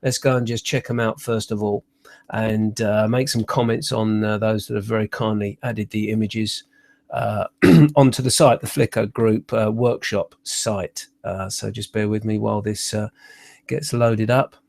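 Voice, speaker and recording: A middle-aged photography tutor with a cold sounds snuffly as he critiques work in a live online workshop via a computer webcam in a small room. His low, gravelly, slightly mellow voice is steady and unhurried with no echo, and he's chatty but hesitant, full of uhs and restarts.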